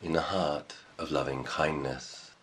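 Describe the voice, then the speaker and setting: This is a man with a bass voice guiding listeners through meditation. His teacherly delivery stays calm, broken into short, measured phrases with lengthy pauses.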